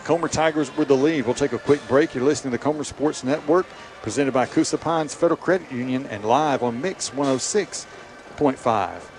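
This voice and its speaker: A man's voice: medium pitch, a little fast, a little mellow, faint music behind. A man doing live play-by-play radio commentary on American football. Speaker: play-by-play sports announcer. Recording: clear outdoor stadium background noise.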